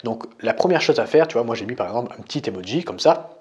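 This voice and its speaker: A man's voice: medium pitch, expressive, fast. A young man from France, a dating coach, explaining in a casual tutorial, talking straight to the listener with frequent fillers. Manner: casual, addresses listener as tu, frequent "tu vois" and "euh". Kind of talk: screen-recorded tutorial.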